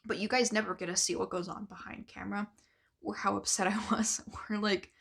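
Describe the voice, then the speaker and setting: A woman's voice: medium pitch, level tone, brisk, vocal fry, fairly bright tone, husky. A young woman author talking earnestly in a casual vlog, rambling with many fillers and losing her voice. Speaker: author and vlogger.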